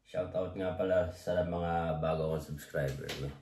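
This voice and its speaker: A man's voice: low voice, fairly even intonation, unhurried, mellow, slight background noise. A man from the Philippines chatting casually to viewers in the morning, his voice thick and congested from a cold and sinus trouble, so some mistake him for drunk. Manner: loose and rambling, repeats a catchphrase often. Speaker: overseas worker vlogger.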